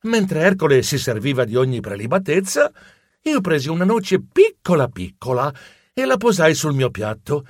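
Male audiobook narrator, very lively, comic delivery, dry close sound. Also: fairly high pitch, normal speed, no room sound. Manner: animated, comic and expressive.

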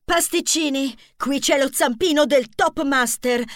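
A man voicing a bossy, impatient young female mouse who talks in a shrill, pushy way in a children's storybook reading. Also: unhurried, a bit bright, no room sound, studio quality.

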